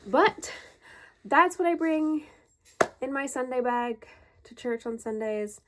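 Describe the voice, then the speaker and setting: A woman's voice: high voice, lively intonation, slow pace, noisy background. A woman vlogging from her home in a casual, rambling chat full of fillers, a bit out of breath. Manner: chatty and rambling, with many fillers. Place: home, indoors.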